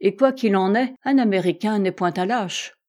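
A woman's voice: medium pitch, moderate pace, darkish tone, lightly acted. A woman reading an audiobook voices a proud American male explorer who makes frank, emphatic declarations. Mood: earnest.

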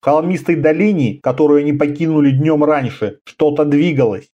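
A man narrating an audiobook in a lively storytelling manner. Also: on the high side, a little fast, lo-fi sound. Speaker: audiobook reader. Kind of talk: scripted narration.

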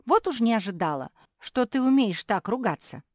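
A woman's voice: a little high, measured pace, a bit bright, no room sound, studio quality, pitched above the performer's own voice. A woman voicing a giggly, easily offended young female pug, in a storybook reading. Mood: teasing. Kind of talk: storybook character voice.

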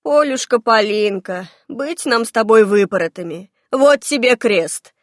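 A woman voicing a fussy, pious old peasant aunt who scolds and laments in a raised, drawn-out voice. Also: fairly high pitch, expressive, dry recording, studio quality. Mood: alarmed scolding. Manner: scolding, crossing herself, lamenting.

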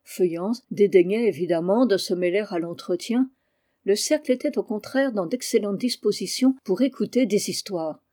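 Calm audiobook narrator, mellow warm tone, steady literary read. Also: mid-range voice. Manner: measured, even literary reading. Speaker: audiobook reader. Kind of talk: scripted narration of a classic novel.

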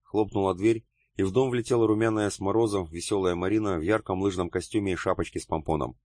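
A man narrating an audiobook in a steady, measured way. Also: low voice, no echo, clean studio sound.

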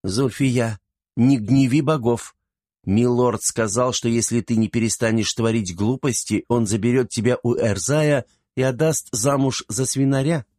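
A man's voice: mid-range voice, a little slow, dark tone, no room sound, clean studio sound, voice pushed up, natural voice. A man voicing a strict older woman in an audiobook, scolding in a reproachful tone. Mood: stern.

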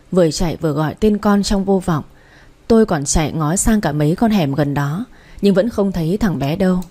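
A woman narrates a first-person audio story with emotional, dramatic storytelling. Her voice is mellow and warm, with soft edges. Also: fairly low pitch.

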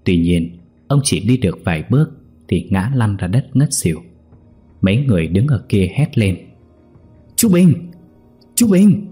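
A man narrating a ghost story in an expressive storytelling way. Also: low-pitched, normal speed, husky, faint music behind.

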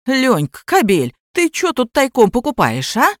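A woman voicing a crude, loud, stout older grandmother who bosses and yells at everyone. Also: high-pitched, wildly swooping pitch, measured pace, no room sound, studio quality, pitched above the performer's own voice, exaggerated voice. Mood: shouting. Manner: coarse, bossy, yelling.

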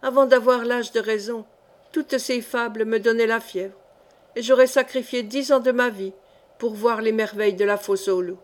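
A woman's voice: on the high side, steady tone, moderate pace, natural voice. A woman reading the lines of a poor young orphan man who mocks old legends, in an audiobook. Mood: mocking. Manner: light, teasing storyteller.

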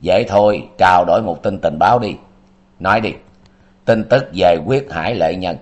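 A man voicing a cold, menacing male martial-arts master in an audiobook, speaking in a sharp, icy tone. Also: deep voice, moderate pace, lo-fi sound.

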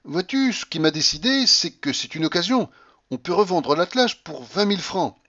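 A teasing, coaxing young coquette, as a male audiobook reader puts her on exclaims in a raised voice with lively swings of pitch. She wheedles and flatters, dropping low only for effect. The recording sounds dull and lo-fi. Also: moderate pace, exaggerated voice.

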